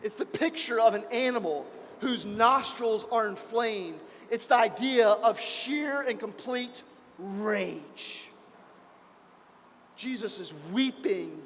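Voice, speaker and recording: High-voiced pastor preaching in an echoing hall. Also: male voice, slight background noise. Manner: impassioned, swings between soft and loud. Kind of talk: sermon. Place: church.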